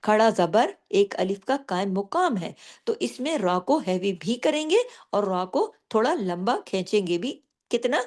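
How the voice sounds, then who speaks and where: A woman teaching tajweed, explaining the rules patiently and slowing down to recite each example, often checking in with her listeners. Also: mid-range voice, lively intonation, a little mellow. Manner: checks in often with "theek hai?".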